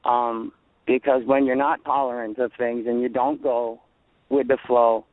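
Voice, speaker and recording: A man's voice: mid-range voice, flat delivery, a little slow, no room sound. A man calling in to a radio show, talking earnestly and bluntly about standing his ground. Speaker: caller. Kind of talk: call-in radio talk. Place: outdoors in a parking lot. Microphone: phone. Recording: tinny phone line.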